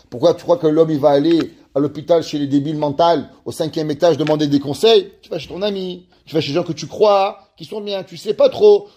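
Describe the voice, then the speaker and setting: Male rabbi giving a Torah class, animated storyteller, voice on the high side. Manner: lively storyteller, reads Hebrew passages aloud. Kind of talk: ethics lesson with a told story.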